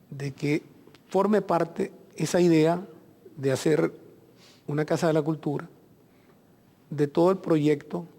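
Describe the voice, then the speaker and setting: Venezuelan guy on a tv interview, gravelly, kinda dark voice, long reverb. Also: on the high side. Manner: reflective, speaks in long rhetorical lists. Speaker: consul general, interview guest. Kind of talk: earnest TV interview talk.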